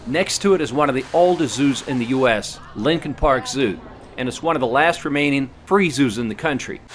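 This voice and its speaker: A man from Russia reading a scripted voice-over for a travel vlog, in an even, informative tour-guide manner. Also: medium pitch, brisk, a little hiss or hum.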